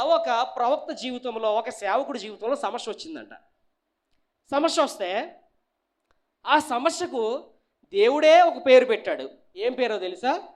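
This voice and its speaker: A man preaching as pastor, asking the congregation questions and prompting them to answer, swinging between loud and hushed. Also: extremely high pitch. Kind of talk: sermon.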